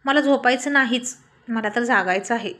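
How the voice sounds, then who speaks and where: Teasing young husband in a storybook, bit high, sulky jokes, lady reading him out. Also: normal speed, fairly bright tone, lightly acted. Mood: complaining.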